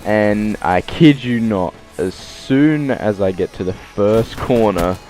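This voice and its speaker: A young Australian man with a fairly low voice tells a story in a loose vlog style. He swears freely and jumps into voices for the people in it. Faint music plays underneath. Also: expressive, slow, darkish tone. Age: young adult. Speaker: vlogger.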